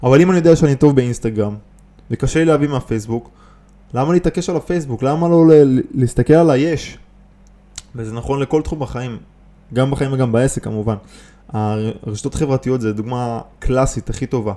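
A man's voice: medium pitch, mellow. A man hosting a podcast on business and mind, talking casually and with emphasis, asking rhetorical questions and restarting often. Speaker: podcast host, business coach. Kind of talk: casual motivational podcast talk.

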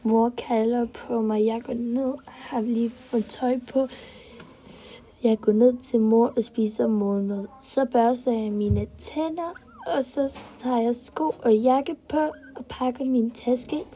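A woman's voice: fairly high pitch, warm tone, breathy edge. A woman reading a first-person children's story aloud in simple, short, step-by-step sentences.

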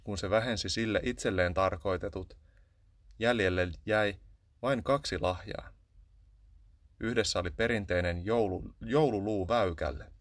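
A man narrating a children's Christmas story in a calm, even storytelling manner. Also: lowish voice, no echo, clean studio sound.

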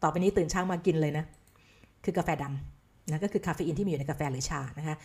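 Woman, health educator, casual spoken lecture, chatty, lowish pitch, mellow tone, technical terms, asks listeners questions. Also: quick pace. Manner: chatty explaining, sprinkles English science terms; asks listeners rhetorical checks.

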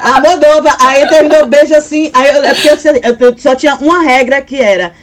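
A Brazilian woman from Brasília telling a comic personal anecdote in an animated, slangy, laughing way. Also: high-pitched, fairly quick, crowd noise. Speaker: storyteller guest. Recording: noisy conversation recording.

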